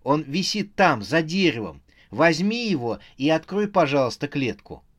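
A man's voice: fairly high pitch, very animated, normal speed, no echo, studio quality, voice pushed up. A man voicing a young clown woman pleading from a cage. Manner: pleading, calling out.

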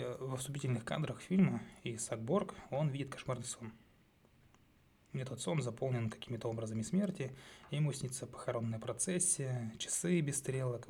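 A man hosting a solo psychology talk, speaking in a measured, thoughtful way with frequent hesitations and self-corrections. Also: mid-range voice, darkish tone, slight background noise. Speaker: psychology channel host.

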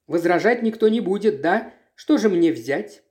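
A reader voicing a timid, soft-spoken sheriff's wife in a read-aloud story. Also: medium pitch, lively intonation, normal speed, lightly acted. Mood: eager.

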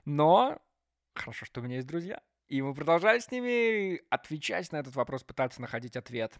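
A man in his twenties hosting a podcast in a casual, theatrical way, swinging between loud outbursts and quiet asides. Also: a little high, brisk, no room sound, studio quality. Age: 20s. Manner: animated, theatrical, jumps between loud and hushed. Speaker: podcast host.

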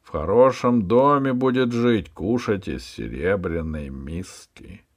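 A man's voice: deep voice, expressive, slow, heavily acted. A man voicing a cruel, greedy male hunchback overlord who screeches at his servants. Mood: shrill bullying. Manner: screeching, bullying.

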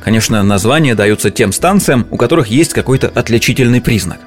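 A man narrates an informal explainer as its presenter. He sounds conversational and explanatory, in a medium-pitched voice. Music plays faintly behind him. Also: expressive, a little fast.

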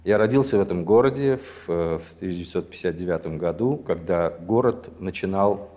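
A man in his sixties, from Azerbaijan, recalls his past as an interview guest with a deep, mellow voice. He speaks in a measured, reflective way, pausing often to choose his words. His voice rings with a long reverb, as if in a large hall. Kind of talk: reflective personal storytelling.

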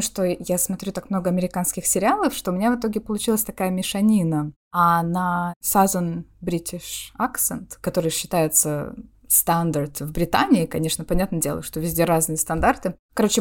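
A young woman co-hosts a relaxed podcast chat, thinking out loud as she talks. Her voice sits in an ordinary middle register. Small laughs slip in between her phrases. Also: mid-range voice. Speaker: podcast co-host.

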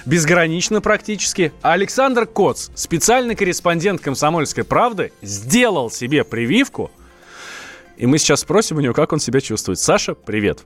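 A man's voice: a little high, sing-song, moderate pace, soft background music. A man hosting a casual live radio interview in a conversational way. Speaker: radio host.

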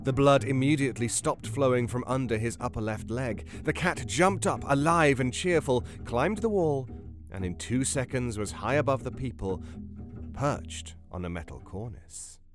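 A man reading a story aloud as a podcast narrator, in a measured, expressive delivery. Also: mid-range voice, music in the background. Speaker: podcast narrator reading a translated novel excerpt.

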